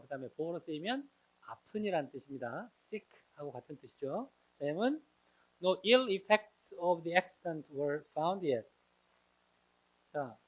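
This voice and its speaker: A man's voice: high-pitched, muffled recording. A man teaching an English grammar lesson, explaining each example and answering his own questions. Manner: explanatory, asks students questions and answers them himself; reads English example sentences slowly and carefully. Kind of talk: grammar lecture.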